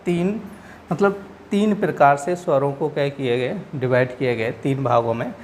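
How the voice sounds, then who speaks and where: A man's voice: mid-range voice, normal speed, a little hiss or hum. A man teaching, patiently explaining exam answers step by step and checking in constantly with his students. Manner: patient, repetitive, checks in with frequent "okay".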